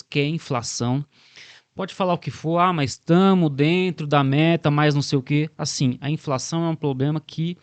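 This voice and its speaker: A man's voice: mid-range voice, no echo. A man with a Brazilian Portuguese accent discussing politics as a podcast host, reflective and building long arguments, often ending remarks with a questioning tag.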